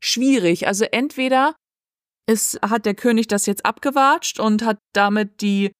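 A woman casually retelling the scenes of a drama series in an animated way, quoting what the characters say. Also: a little high, normal speed, no echo, studio quality. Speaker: podcast co-host recapping a drama series. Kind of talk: casual chat.

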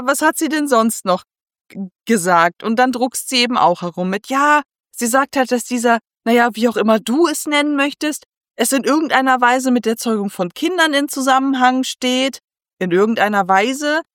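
A woman with a somewhat high voice chats with her co-host, retelling a story and slipping into the characters' lines. The sound is close and dry, with no room around it. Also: moderate pace, dry recording. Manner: retells scenes with lively quoted voices. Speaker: podcast co-host. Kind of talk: casual book discussion with acted quotes.

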